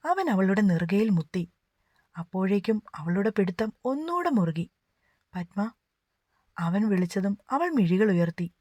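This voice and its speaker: A woman narrating a romance novel in a steady, gentle reading voice. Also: medium pitch, moderate pace, no echo. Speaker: audiobook narrator. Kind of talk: scripted narration.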